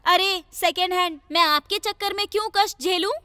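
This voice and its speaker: A woman's voice: extremely high pitch, moderate pace, bright, forceful tone, no echo, clean studio sound. A woman dubbing a chatty, teasing young psychiatrist in a film, talking on and on. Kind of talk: Hindi film dub. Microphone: studio dubbing mic.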